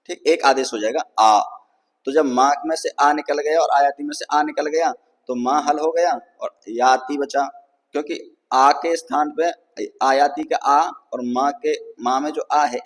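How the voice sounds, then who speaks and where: A man lectures on Sanskrit grammar in a slightly raised voice, pausing to ask whether listeners follow. He stretches vowel sounds to demonstrate length, and his voice rings with a long reverberant tail. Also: fairly high pitch. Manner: patient, repeats "ठीक है ना" to check understanding; draws out vowels to show their length. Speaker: Sanskrit teacher. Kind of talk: explanatory lecture.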